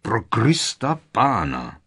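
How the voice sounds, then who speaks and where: A man voicing a blustering, bullying middle-aged uncle who barks and gloats loudly in an audiobook. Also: sits low, animated. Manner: loud, barking and gloating. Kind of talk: audiobook character reading.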